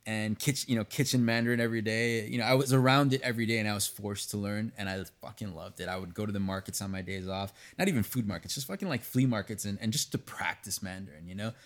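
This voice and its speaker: Candid low-voiced man, swears freely. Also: quick pace, hardly any pauses. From United States, raised partly in Venezuela. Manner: candid and animated, swears freely, frequent restarts. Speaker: pastry chef guest. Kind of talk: casual podcast conversation.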